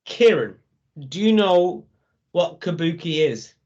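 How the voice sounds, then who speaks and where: A man with a high, lively voice talks slowly, building deadpan jokes with wide swings in pitch. The sound is dull and lo-fi, like a call. He speaks casually. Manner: slow, jokey, deadpan setups. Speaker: podcast co-host. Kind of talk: casual wrestling review chat.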